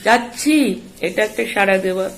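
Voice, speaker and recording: A woman's voice: mid-range voice, lively intonation. A woman teaching a spoken language lesson for children, explaining patiently and often checking that the listener follows. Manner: slow, explaining, checks understanding with asides.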